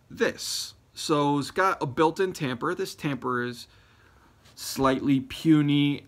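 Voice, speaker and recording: Born in Ecuador and raised in Florida, this man smokes a pipe and makes YouTube videos; here he's casually showing his lighters in a show-and-tell reply. His medium-pitched voice is gravelly and a bit bright, and he rambles with lots of fillers and restarts.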